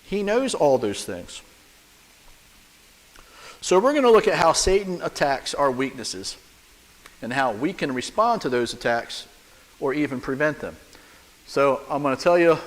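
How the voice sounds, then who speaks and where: A man, a church elder, preaching a sermon in a conversational way, full of rhetorical questions and humor, in a church sanctuary. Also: medium pitch. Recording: long church reverb.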